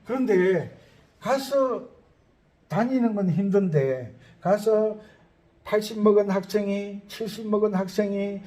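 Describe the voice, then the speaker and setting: A man's voice: sits high, slow pace, warm tone. A man who teaches accordion, talking casually, rambling and thinking aloud as he goes. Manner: chatty, rambling, thinks aloud while listing places. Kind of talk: casual talk to viewers.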